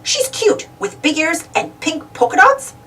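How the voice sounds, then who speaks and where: A woman voicing an excitable, self-centred male cartoon duck from a storybook, exclaiming and wondering aloud eagerly. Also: extremely high pitch, unhurried, far from the mic, pitched above the performer's own voice, heavily acted. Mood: curious.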